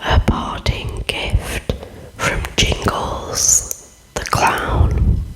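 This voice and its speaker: A narrator reading scary stories in a breathy, hushed ASMR whisper, deliberate in delivery. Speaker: horror story narrator.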